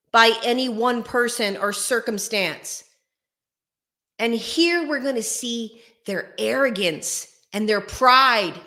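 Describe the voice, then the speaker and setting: A woman's voice: a little high, sharp tone. A woman talking casually and emphatically straight to her viewers as a host, her voice echoing around a bare room. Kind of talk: casual direct-to-viewer advice talk. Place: echoey room without carpets or soundproofing. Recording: echoing bare uncarpeted room, faint music.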